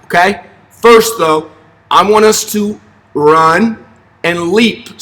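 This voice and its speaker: High-voiced young man teaching kids in echoey gym. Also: a bit bright. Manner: upbeat, encouraging, simple short directions to kids. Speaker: elementary physical education teacher. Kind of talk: instructional fitness demonstration for children. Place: large empty indoor school gymnasium. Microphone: camera a few steps away. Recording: echoey gym, distant camera mic.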